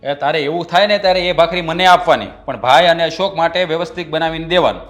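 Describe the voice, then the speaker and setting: A stern young husband, acted by a man, lectures his wife about household rules in a fairly high voice. He keeps demanding calm and obedience in a family stage drama. Faint music plays underneath. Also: fast talker, lightly acted.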